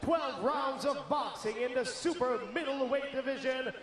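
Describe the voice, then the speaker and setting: A man working as a boxing ring announcer, giving bilingual French and English introductions in a theatrical, drawn-out, projected delivery. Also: very high-pitched. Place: large indoor boxing arena. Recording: echoing arena PA, loud crowd. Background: cheering crowd.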